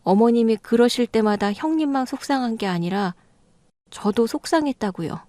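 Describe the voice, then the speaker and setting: A woman's voice: a little high, lively intonation, moderate pace, mellow, no echo, lightly acted. A woman voicing a younger daughter-in-law in an audio drama, pressing and reproachful. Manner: insistent, reproachful. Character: younger second daughter-in-law, blunt and accusing.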